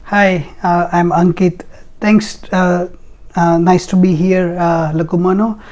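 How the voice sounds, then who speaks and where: A man's voice: high voice, little pitch movement, slow, darkish tone. A man from India in his thirties, a guest in a casual interview, who speaks hesitantly with many fillers and loose grammar.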